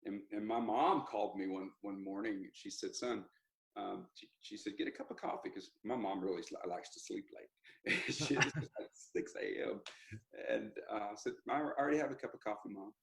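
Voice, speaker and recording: Man, low voice, country singer guest, animated rambling storyteller. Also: normal speed, creaky, rough recording. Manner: animated, rambling with restarts and laughs. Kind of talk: casual interview storytelling.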